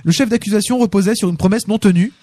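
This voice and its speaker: A man's voice: sits high, fast talker, dark tone. Jokey French-speaking man reading tech news. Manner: reads news items with joking asides. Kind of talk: casual live tech news chat.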